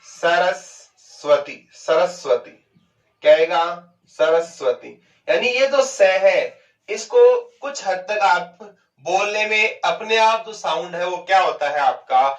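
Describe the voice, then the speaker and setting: A man teaching Hindi grammar in a lecture. He asks questions and answers them himself, and he draws words out slowly to show how they sound. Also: sits high, animated, distant mic. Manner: stretches out words to show pronunciation. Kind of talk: classroom lecture. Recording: dull, echoey and off-mic.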